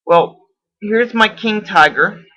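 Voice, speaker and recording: A man's voice: high voice, slow pace, sharp tone. A man in a casual video response, explaining at length, often correcting himself and unsure of details. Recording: dull lo-fi camera audio.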